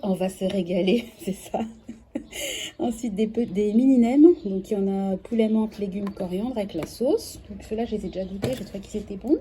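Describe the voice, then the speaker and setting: A woman in her thirties with a French accent, chatting casually through a grocery unboxing vlog, correcting herself often and filling pauses with "euh". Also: medium pitch. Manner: chatty, self-correcting, many fillers. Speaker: vlogger. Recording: clear background noise.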